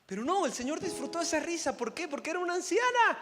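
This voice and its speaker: A man in his twenties with a Mexican Spanish accent preaching an emphatic sermon as pastor, repeating phrases and building to loud peaks. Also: very high voice, big pitch swings, fast. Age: 20s. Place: church sanctuary. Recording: echoey church hall, faint music.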